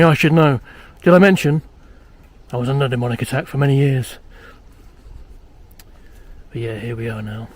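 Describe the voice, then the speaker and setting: A man's voice: mid-range voice, natural voice. A British man acting as a boastful, uneasy amateur ghost hunter, rambling self-importantly to camera in a found-footage horror film. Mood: boastful, gossipy, then chatty, uneasy. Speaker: paranormal investigator presenting a documentary.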